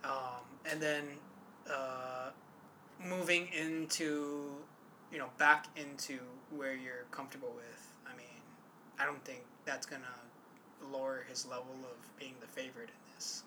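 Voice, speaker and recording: A man's voice: medium pitch, fairly even intonation, a little slow, sharp tone, a little hiss or hum. A man co-hosting a podcast, talking in a rambling, hesitant way with many fillers. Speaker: podcast co-host. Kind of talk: casual sports chat.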